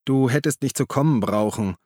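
A man's voice: medium pitch, moderate pace, a little mellow, no echo, studio quality, voice pushed up, natural voice. A man voicing a sheepish, evasive police officer in an audiobook reading. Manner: embarrassed, evasive.

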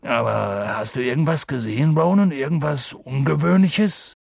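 Hagrid, a man doing a gravelly giant gamekeeper. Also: medium pitch, normal speed, dry recording, studio quality. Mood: impatient. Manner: grim, wary, gets loud and impatient. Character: huge gruff male half-giant gamekeeper, blunt and protective. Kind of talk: audiobook character voice.

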